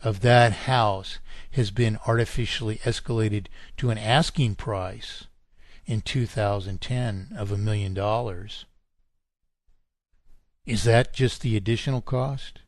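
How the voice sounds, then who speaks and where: Slow, emphatic lecturing man on radio. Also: on the low side, fairly even intonation, no echo, clean studio sound. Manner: emphatic, lecturing, rises sharply in indignant questions. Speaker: radio show guest. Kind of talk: talk radio monologue.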